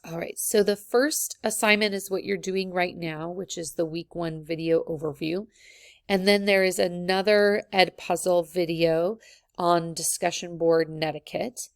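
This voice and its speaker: A woman with a lowish, gravelly voice walks through her course in a relaxed, friendly way, with lots of ums. The sound is dry and close, as if recorded at a computer. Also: a little slow, dry recording. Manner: casual, friendly, many ums. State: has the hiccups. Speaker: college instructor.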